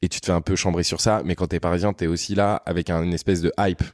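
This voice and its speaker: A French man in his thirties, a podcast guest, telling his life story in a relaxed, slangy, rambling way. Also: low voice, quick pace, dry recording, clean studio sound. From France. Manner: rambling, slangy, frequent "tu vois" asides. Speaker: podcast guest, content creator. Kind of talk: casual storytelling conversation.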